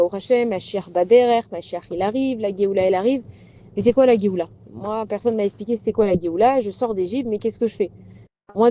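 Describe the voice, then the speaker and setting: A woman's voice: medium pitch, dark tone, dull audio. A woman teaching a recorded religious class in a conversational, storytelling way with rhetorical questions.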